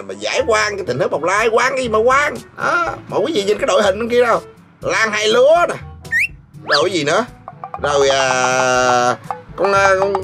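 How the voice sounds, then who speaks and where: A man's voice: fairly high pitch, fairly bright tone. A man hosting his vlog, ranting sarcastically and scolding, breaking into laughs mid-sentence. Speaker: vlogger host. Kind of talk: mocking commentary rant.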